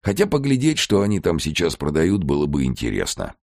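A man voicing a gruff, blunt older male artist in an audiobook. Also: extremely low pitch, huge pitch swings, brisk, darkish tone, dry recording, studio quality, voice pushed up, full character voice. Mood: wistful. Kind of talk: audiobook character voice.

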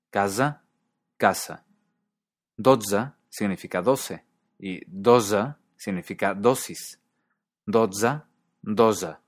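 A man giving scripted educational narration, measured, slowing down to pronounce example words carefully. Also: on the low side, dry recording. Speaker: language lesson narrator.

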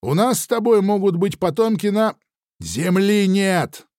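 A man's voice: high-pitched, animated, unhurried, a little mellow, no room sound, clean studio sound, pitched above the performer's own voice. A man reading an audiobook, voicing a brash, confident young male companion. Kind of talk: audiobook character voice.

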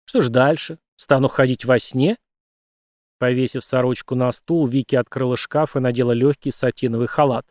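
A man narrating an audiobook in a steady, even reading voice. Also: medium pitch, no room sound, studio quality. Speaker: audiobook reader. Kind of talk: scripted narration.

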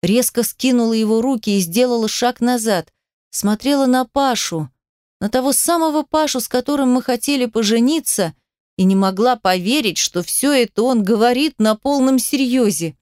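A woman's voice: a little high, moderate pace, a little mellow, no room sound, studio quality. Dramatic woman reading an audiobook. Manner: emotional, dramatic storytelling. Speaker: audiobook narrator. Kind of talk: first-person scripted narration.

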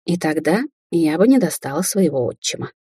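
A woman's voice: low-pitched, expressive, brisk, mellow, husky, no echo, clean studio sound, heavily acted. A woman reading an audiobook, voicing a young sorceress who speaks to her mother sarcastically and tauntingly. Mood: mocking. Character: young adult woman sorceress, mocking daughter.

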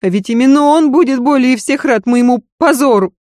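Brief: high shrill hysterical noblewoman, bitter and volatile, put on by a woman reader, dry close audiobook read. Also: fairly quick, a little mellow, no echo, close to an everyday voice. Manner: shrill, screaming, sobbing outbursts.

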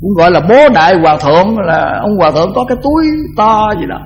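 Older monk giving a chatty dharma talk. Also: male voice, high-pitched, sing-song, slight background noise, rough recording. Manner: conversational, repetitive, chanting verses slowly. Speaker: Buddhist monk teacher.

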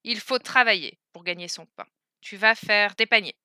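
Bossy scolding beggar guy, loud and firm, bright voice, woman doing him. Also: medium pitch, normal speed, smooth, dry recording, clean studio sound. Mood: stern. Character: stern poor male beggar, gruff and bossy.

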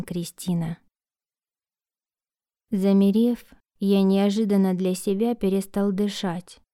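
A woman reading a first-person audiobook in a slow, soft, measured way. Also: medium pitch, clean tone, no room sound, clean studio sound. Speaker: audiobook narrator.

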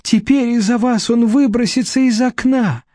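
A man reading an audiobook, voicing a distraught young wife who pleads through tears in a high voice. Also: slow, warm tone, no room sound, clean studio sound, full character voice. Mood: tearful. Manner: pleading, breathless, high and tearful.

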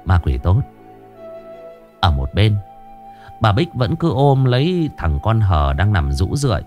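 A man's voice: on the low side, a little slow. A man narrating a horror story expressively. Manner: expressive, animated. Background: faint music.

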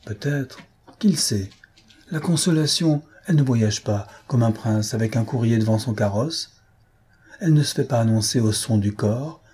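A man's voice: mid-range voice, normal speed, warm tone, husky, lightly acted. A man reading aloud and voicing a sly, wheedling older man who speaks in honeyed tones.

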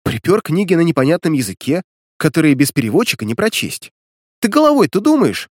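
A man's voice: high-pitched, very animated, normal speed, no echo, clean studio sound, pitched above the performer's own voice. A man reading an audiobook voices a sarcastic, mocking young woman student who scolds and teases the hero. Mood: scolding.

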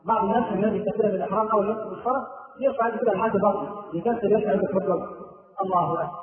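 A man's voice: high-pitched, steady tone, rapid-fire. A man with an Egyptian Arabic accent, a sheikh giving a religious lesson on prayer. He explains step by step and often sings out the phrases he corrects. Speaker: sheikh teaching prayer rules. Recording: echoey, distant, tinny phone-like sound.

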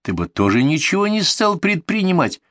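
A man voicing Ktoya, a curious and skeptical woman, in an audiobook reading, asking her questions slowly in a raised voice. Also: sing-song, a bit bright. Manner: high, slow, questioning.

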